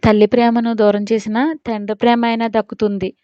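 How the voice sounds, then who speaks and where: A woman reading out a calm female doctor in a storybook drama, gentle and soothing with her patient. The voice is smooth and dry, on a somewhat dull recording. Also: on the high side, brisk, dry recording, natural voice. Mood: sympathetic.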